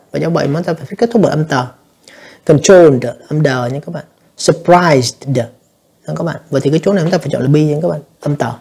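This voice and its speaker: Fast-talking, gravelly male English teacher. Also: a little high, warm tone. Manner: explanatory, addresses students repeatedly, frequent fillers. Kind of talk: exam review lesson.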